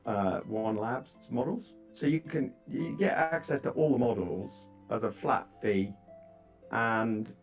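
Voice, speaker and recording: A man in casual chat about his developer tools, animated and full of fillers and restarts, heard through a laptop microphone. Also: mid-range voice, takes it slowly, soft background music. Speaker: software developer chatting on a call.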